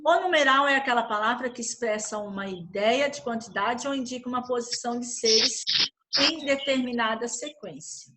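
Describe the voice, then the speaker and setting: A woman's voice: fairly high pitch, moderate pace, bright, forceful tone, slight background noise. A Brazilian woman teacher explaining a worksheet in an online class, patient, using diminutives and often checking in with the children. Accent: Brazilian Portuguese.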